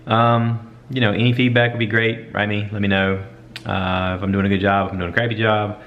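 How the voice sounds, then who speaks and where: Low-voiced man chatting casually to camera. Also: level tone, fairly quick. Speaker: podcaster vlogging to camera. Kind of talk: casual chat, stream of consciousness. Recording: dull lo-fi camera audio, light background noise.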